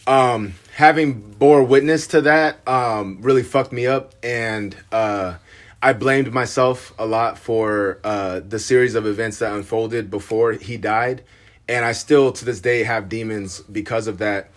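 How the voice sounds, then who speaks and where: A man, a podcast host, telling a personal story in a halting, subdued way with many fillers and restarts. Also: mid-range voice, steady tone. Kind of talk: casual podcast conversation.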